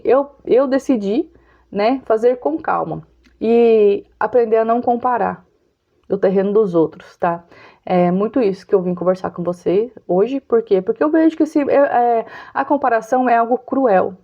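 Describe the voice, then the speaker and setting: Chatting to camera, a fortysomething Brazilian woman confides in her viewers with easy openness and frequent laughter, her Brazilian Portuguese accent clear. She has a mellow, rather high voice, and the recording has its highs cut off.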